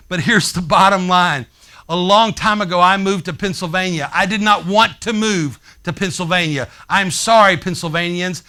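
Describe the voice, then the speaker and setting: Bright, high-voiced male pastor preaching. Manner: animated, conversational, talks straight to the congregation. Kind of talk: sermon. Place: church sanctuary.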